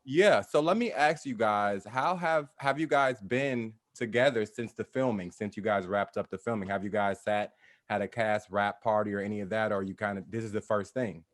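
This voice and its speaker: A man's voice: on the low side, moderate pace, dry recording, clean studio sound. A man hosting a live talk show, introducing guests in a loose, upbeat way with casual slang. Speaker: host.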